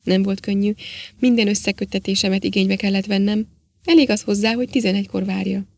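A calm, practical man thinking a mystery through step by step, as a woman reads him in a storybook. The voice is slightly gravelly and even. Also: mid-range voice, dry recording, natural voice. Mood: matter-of-fact.

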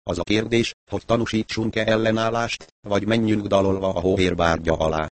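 Small, resolute man with a firm, decisive delivery, voiced by a male reader, pitched above his own voice. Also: level tone, no room sound, lightly acted.

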